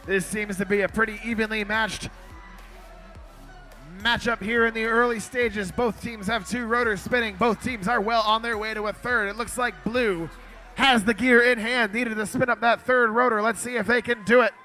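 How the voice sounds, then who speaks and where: High bright-voiced male robotics announcer. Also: moderate pace, faint music behind. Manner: energetic, excited play-by-play. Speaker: match announcer. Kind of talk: live robotics match commentary. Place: robotics competition arena.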